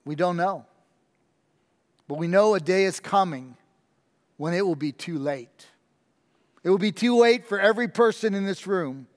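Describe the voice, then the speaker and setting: A man preaching a sermon as pastor, telling a story earnestly and repeating his key points with slow emphasis. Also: high voice, a little mellow, in a large hall.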